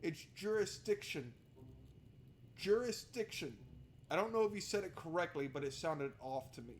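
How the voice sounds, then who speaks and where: A fairly high-pitched, expressive male voice at a moderate pace, with slight background noise and game music. The streamer keeps his let's-play casual and sweary, talking to himself and reading game text aloud.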